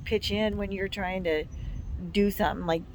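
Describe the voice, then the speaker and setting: A woman's voice: mid-range voice, steady tone, moderate pace, crowd noise. An American woman in her fifties chatting casually and giving blunt, emphatic, complaining opinions. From United States. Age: 50s. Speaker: vlog co-host.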